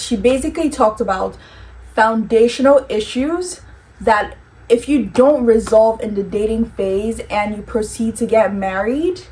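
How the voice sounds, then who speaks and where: A woman's voice: fairly high pitch, darkish tone. A young woman chatting casually on her vlog, giving advice and checking in with "okay?" often. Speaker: vlogger. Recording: distant mic with faint room noise.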